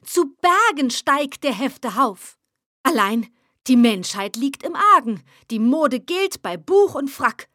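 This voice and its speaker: An embittered, excitable poet, acted by a woman reciting verse, declaiming loudly with a raised, higher voice. The delivery is heated and theatrical, and the recording is dry and close. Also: dry recording. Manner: loud, declamatory and agitated.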